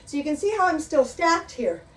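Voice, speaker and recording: A woman's voice: high voice, sing-song, brisk. Middle-aged lady leading a workout, chatty and encouraging, panting a little, mic kinda far off in a roomy space. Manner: chatty, encouraging, talks while doing the moves. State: out of breath. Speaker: exercise instructor. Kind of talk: live exercise class instruction. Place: room with a chair, exercising. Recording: echoey room, mic at a distance.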